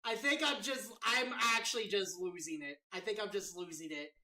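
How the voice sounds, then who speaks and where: A man streaming a game live, reacting with excitable, loud outbursts. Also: sits high, moderate pace, far from the mic. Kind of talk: live gameplay commentary.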